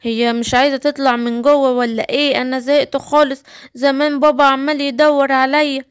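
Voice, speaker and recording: A woman's voice: high-pitched, flat delivery, brisk, natural voice. A woman with an Egyptian accent voicing a timid, worried young lion cub. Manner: anxious, calling out.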